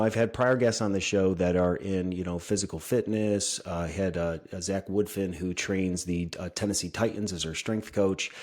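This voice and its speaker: A man's voice: deep voice, darkish tone. A man in his thirties hosting a podcast interview, talking in a chatty, enthusiastic way with some fillers. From upstate New York. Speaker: podcast host.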